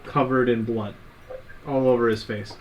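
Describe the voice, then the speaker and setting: A man running a tabletop game as game master, calmly describing scenes and asking for dice rolls. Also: mid-range voice, normal speed, crowd noise, poor audio. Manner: calm, descriptive narration with casual fillers. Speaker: dungeon master.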